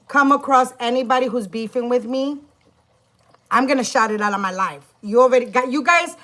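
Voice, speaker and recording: Bright-voiced woman venting emphatically. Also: high-pitched. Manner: emphatic, profane, many restarts. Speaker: spiritual practitioner and YouTuber. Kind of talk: casual vlog storytime.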